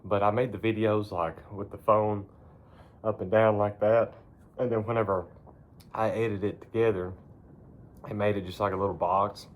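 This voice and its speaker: A man's voice: lowish voice, level tone, moderate pace, pauses often, slight background noise. A man chatting casually to his phone in a barn, rambling in a laid-back, folksy way with casual cursing. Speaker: vlogger. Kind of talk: casual rambling chat to camera.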